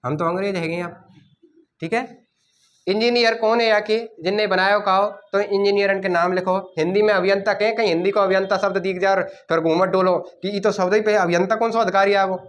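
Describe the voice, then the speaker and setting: A man teaching a coaching class, dictating notes and repeating key words slowly so students can write them down. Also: sits high, steady tone.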